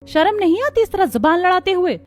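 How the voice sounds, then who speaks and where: A woman's voice: very high-pitched, animated, brisk. A woman voicing a spiteful, nagging young sister-in-law in a cartoon story.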